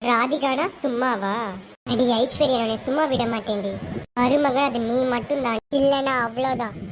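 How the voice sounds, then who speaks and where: A woman's voice: fairly high pitch, normal speed, voice pushed down, natural voice, poor audio. Radhika, a woman playing a gloating, scheming mother-in-law. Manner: gloating, threatening. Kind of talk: amateur serial drama.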